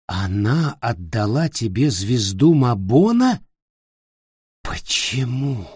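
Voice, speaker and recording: A man voicing a cruel, arrogant tall boy lord in an audiobook, shouting and hissing in fury. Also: mid-range voice, very animated, slow pace, breathy edge, no room sound, studio quality, exaggerated voice. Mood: menacing. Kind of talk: audiobook character voice.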